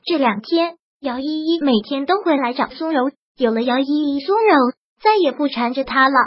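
A woman narrating a serial novel chapter as an audiobook, in a steady storytelling manner. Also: high voice, moderate pace, no room sound, muffled recording.

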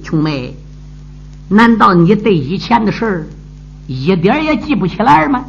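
A man's voice: sits high, very animated, moderate pace, creaky, full character voice. A male storyteller voicing an earnest young male swordsman who speaks in an urgent, sincere way. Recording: dull lo-fi with music.

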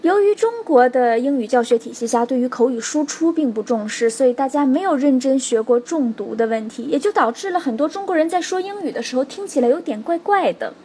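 A woman teaching a spoken English lesson, explaining stress rules clearly and stopping to check in with her students. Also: high voice, lively intonation, dark tone, slight background noise. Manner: explains slowly and clearly, stressing example words, checks in with "OK?" and "right?".

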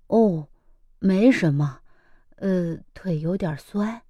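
A woman voicing a gentle, doting chicken father in a children's storybook reading, talking softly and patiently. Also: lowish voice, slow, dry recording, pitched below the performer's own voice. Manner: soft, patient, indulgent. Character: gentle, doting, good-natured chicken dad.

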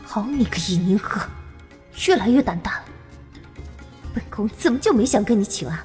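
A woman's voice: on the high side, very animated, normal speed, darkish tone, faint music behind, pitched above the performer's own voice. A woman voicing a proud, jealous young imperial consort whose speech sounds thin and strained. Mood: angry.

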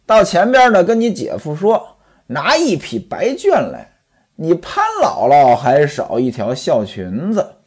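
A storyteller voicing a scheming, sharp-tongued young mistress who gives domineering orders and scolds, with a slightly husky voice and lively pitch. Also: a little slow. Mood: bossy.

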